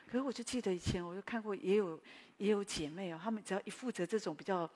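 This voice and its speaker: A woman pastor with a Taiwanese Mandarin accent, preaching a sermon in a chatty, storytelling way with animated asides. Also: mid-range voice, fast, big-room sound.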